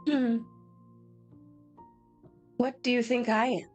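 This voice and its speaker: A woman's voice: on the high side, flat delivery, slow, faint music behind. A woman streaming a game with playful, casual commentary, reacting aloud and reading text as she goes.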